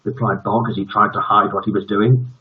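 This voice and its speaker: This British man in his seventies hosts a bedtime story stream, reading tales and chatting casually, in a lowish, husky voice that stays fairly flat in pitch and moves along fairly quickly. The livestream audio is dull and lo-fi.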